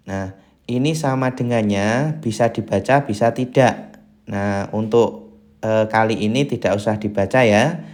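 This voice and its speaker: A man teaching beginners to read the Quran in a live lesson, chanting syllables slowly to a set tune and greeting viewers as they join. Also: lowish voice, a little mellow. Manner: slow, patient drilling of syllables in a chanted tune; reads viewer greetings aloud and answers them.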